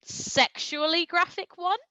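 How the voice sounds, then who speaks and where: At a live stream show, a woman reads comic fan fiction aloud, telling the story dramatically and adding amused asides. Her voice is very high-pitched, slow, and sharp, and the audio is dry and poor in quality.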